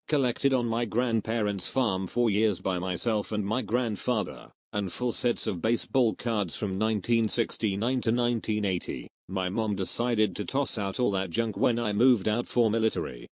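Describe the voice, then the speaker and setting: A man narrating online posts in a steady, even scripted reading with no fillers. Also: lowish voice, no echo.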